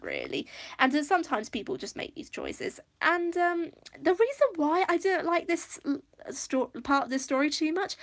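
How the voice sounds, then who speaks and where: A woman's voice: high voice, fairly bright tone. A woman from Wales hosting a casual livestream review, rambling and easily distracted, with many fillers and restarts. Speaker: livestream host. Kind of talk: casual live review chat.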